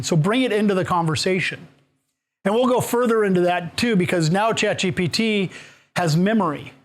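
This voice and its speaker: A man giving a live workshop to a room of people, talking casually, asking the audience questions and moving around as he speaks. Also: high-pitched. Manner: casual, asks the audience questions, with fillers and restarts. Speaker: workshop presenter. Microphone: room mic, moves around while talking.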